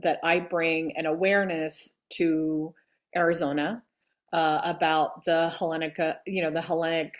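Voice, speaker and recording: Earnest woman legislator guest with a somewhat low voice, halting with pauses. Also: level tone. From Greece and Delaware. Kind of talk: interview conversation.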